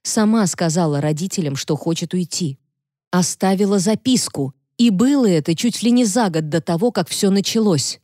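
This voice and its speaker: Worried, weary mother, read by a female narrator; quiet pleading tone, low and warm, dry. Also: animated, normal speed, no echo. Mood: anxious. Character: worried mother of an accused man. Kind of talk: audiobook reading.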